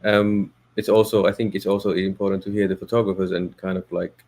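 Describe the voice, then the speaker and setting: A man's voice: sits low, level tone, fairly quick, a little mellow. A man from Finland, a Finnish speaker, talking in a podcast interview as a guest, thoughtful and hesitant with many fillers and restarts. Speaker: guest, photo editor.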